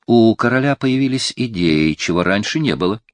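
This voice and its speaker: A man reading an audiobook, voicing a calm, sly Franciscan friar who advises a cardinal. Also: on the low side, moderate pace, no echo, natural voice. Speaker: audiobook reader voicing a character.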